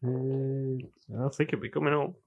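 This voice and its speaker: A man's voice: medium pitch, steady tone, unhurried, gravelly, darkish tone. A young man co-hosting a podcast, chatting casually with short quips and frequent laughter. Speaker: podcast co-host. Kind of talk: casual chat.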